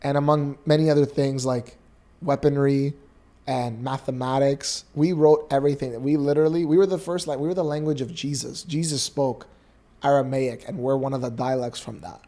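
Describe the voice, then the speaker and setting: Male co-host, casual chat, animated storyteller, mid-pitched. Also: moderate pace. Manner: animated storyteller, acts out voices. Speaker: podcast co-host.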